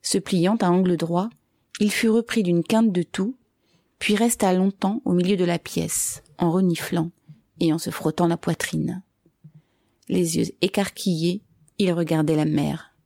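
Woman narrator, measured and clear; dry, low register. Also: steady tone, dark tone, dry recording. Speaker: reader. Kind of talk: scripted narration.

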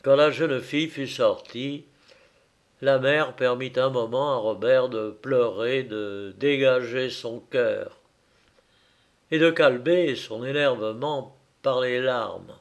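Man reading an old melodrama, slow and deliberate, gravelly voice. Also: mid-range voice. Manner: measured, theatrical narration. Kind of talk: dramatic story reading.

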